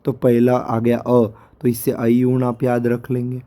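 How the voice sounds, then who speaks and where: Hoarse male teacher for a recorded lecture, very dark mellow tone, slow and patient, drills each syllable. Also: mid-range voice, completely flat delivery. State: hoarse, sore throat. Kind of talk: lecture over a screen recording.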